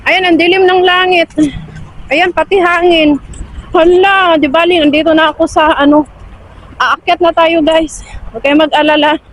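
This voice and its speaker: A woman's voice: extremely high pitch, steady tone, moderate pace, poor audio. A woman from the Philippines walking outdoors by a river, chatting to viewers and exclaiming often into a handheld phone. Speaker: vlogger. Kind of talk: casual walking vlog.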